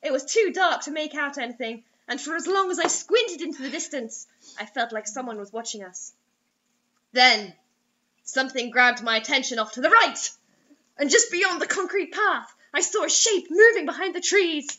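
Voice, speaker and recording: Reading a story with theatrical flair, this young woman keeps a moderate pace in a high, sharp voice and mocks it sarcastically as she goes. She's in a small room, recorded with dull, lo-fi, webcam-like audio.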